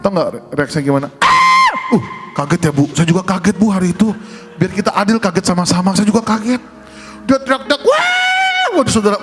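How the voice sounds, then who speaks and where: Humorous storytelling male pastor. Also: sits high. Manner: humorous storytelling, addressing congregation. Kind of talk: sermon testimony.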